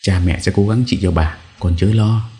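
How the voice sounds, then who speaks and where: A man's voice: low-pitched, normal speed, warm tone, pitched above the performer's own voice. A man voicing an anxious but firm middle-aged mother who talks in an urgent, agitated way.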